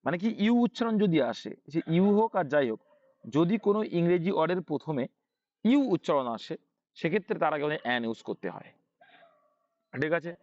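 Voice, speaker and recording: A man's voice: a little high, lively intonation, a little fast, pauses often, a little mellow, dry recording. Male tutor, raised voice, asks and answers himself, dry dull recording. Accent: Bangladeshi Bengali. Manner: asks and answers his own questions, repeats key points. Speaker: English teacher. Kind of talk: online English grammar lesson.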